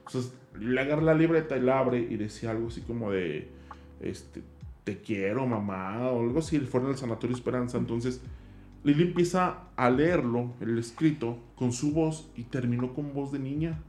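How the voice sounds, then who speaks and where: A man's voice: mid-range voice, normal speed, darkish tone, reverberant, slight background noise. Slangy Mexican man telling stories. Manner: slangy, peppers speech with "güey". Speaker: guest, zombie walk organizer. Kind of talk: casual storytelling chat.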